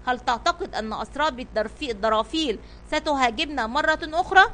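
A woman's voice: high-pitched, lively intonation, fast, a bit bright. A woman voicing a worried male sailor in a storybook, exclaiming anxiously.

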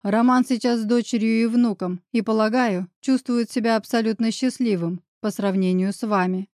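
A woman's voice: a little high, fairly even intonation, normal speed, a little mellow, no echo, close to an everyday voice. A woman reading the part of a stern, demanding young man in an audiobook, voice close and dry. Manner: curt, demanding. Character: stern determined young man, narrator-hero.

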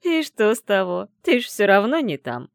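A gruff old village witch with grey hair, scolding and teasing her young ward in a plain, homely way, as a woman reads her in a storybook. The voice swings lively up and down and sits close and dry. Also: medium pitch, moderate pace, no echo. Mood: chiding.

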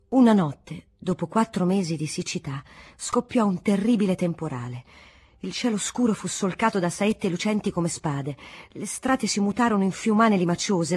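A woman narrating a classic novel as an audiobook, in a measured, expressive manner. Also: mid-range voice, slightly rough. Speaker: audiobook reader.

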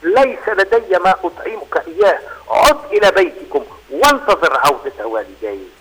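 Stern old granny bunny, a man doing her, slow and firm, bit husky. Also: high-pitched, sing-song, a bit bright, exaggerated voice, poor audio. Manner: firm, measured. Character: stern old female rabbit grandmother.

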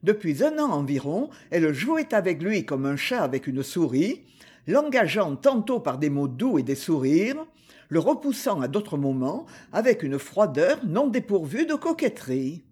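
A man reading a story aloud as an audiobook narrator, with measured, expressive delivery. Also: on the high side, slightly rough. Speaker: audiobook reader.

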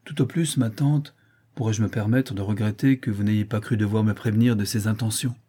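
Brief: steady, defiant young noblewoman, soft dark tone, read by a man. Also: lowish voice, a little fast, breathy edge. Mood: firm. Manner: firm, respectful, defiant. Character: proud, pious young woman of seventeen.

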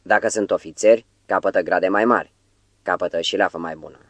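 A man voicing a cynical former barber turned deserter in an audiobook, speaking calmly and offhandedly. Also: low voice, no echo. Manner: calm, offhand, matter-of-fact.

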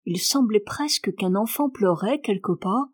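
Calm woman narrating a classic novel. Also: mid-range voice. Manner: calm, measured reading. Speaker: audiobook narrator. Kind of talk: scripted literary narration.

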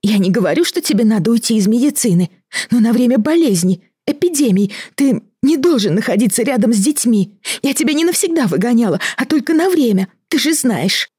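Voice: normal speed, hardly any pauses, a little mellow, dry recording, studio quality, lightly acted. A reader voicing a tearful, anxious woman of forty in an audiobook, pleading in a raised voice. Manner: pleading, voice pitched up high. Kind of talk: audiobook reading.

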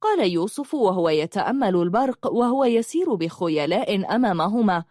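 A woman's voice: mid-range voice, lively intonation, normal speed, darkish tone, no room sound, clean studio sound. A woman narrating a novel aloud, telling the story expressively and giving each character a voice.

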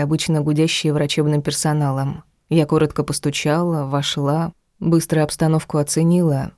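A woman reading a first-person audiobook in a measured, intimate storytelling manner. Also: low-pitched, warm tone, dry recording, clean studio sound. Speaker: audiobook reader.

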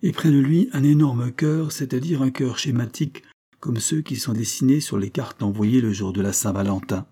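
A man's voice: medium pitch, moderate pace, mellow, slightly rough, voice pushed up, close to an everyday voice. A man voicing a weary, troubled male doctor testifying in court, speaking in a dull, reluctant way in an audiobook reading.

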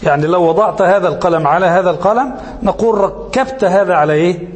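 A sheikh with a high voice gives a grammar lesson in a lingering, reverberant hall. He speaks slowly and deliberately and repeats key terms. He often stops on a question and lets his students finish the word. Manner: asks questions and lets listeners finish them. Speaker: sheikh teaching Arabic grammar. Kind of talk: classroom lecture.

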